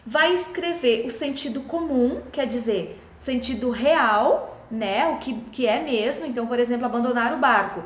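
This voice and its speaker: High-voiced woman teacher, echoey room. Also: normal speed, few pauses. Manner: patient, friendly, checks in often with tag questions. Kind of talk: explaining schoolbook exercises to children.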